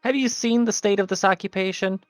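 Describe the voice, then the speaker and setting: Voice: mid-range voice, a little fast, no echo, clean studio sound, soft background music. A player in a tabletop fantasy game, bantering casually with the group.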